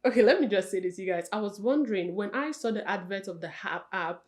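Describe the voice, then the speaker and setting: A woman's voice: mid-range voice, a little fast. Young woman vlogger, mid-range voice, chatty and direct with her viewers. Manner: chatty, talks straight to viewers as "you guys" and "sis"; expressive, with frequent self-corrections. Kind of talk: casual advice vlog.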